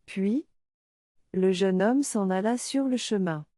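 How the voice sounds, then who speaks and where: Slow, mellow woman narrating a storybook. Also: mid-range voice, no echo, clean studio sound.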